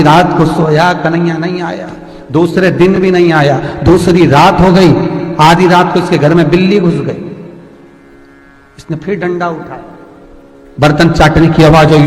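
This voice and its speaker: A man giving a devotional story sermon as a religious storyteller, telling the tale in an animated way. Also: sits high. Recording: echoey hall with faint music.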